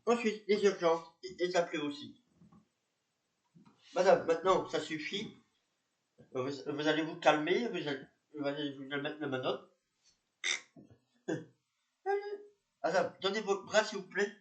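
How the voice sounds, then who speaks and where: A man with a fairly high voice narrates and acts as a police officer in an amateur reenactment of a police patrol. He talks hesitantly, repeating himself, using lots of fillers, and leaving long pauses at a slightly slow pace. The room sounds echoey.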